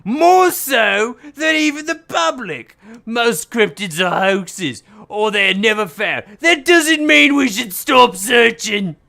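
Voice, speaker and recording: Man doing a fervent, emphatic, animated cryptozoologist. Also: very high voice, slow pace, vocal fry, few pauses, pitched above the performer's own voice, heavily acted. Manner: emphatic, declamatory. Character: fervent, stubborn male cryptozoologist devoted to his wife. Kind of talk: game dialogue read aloud.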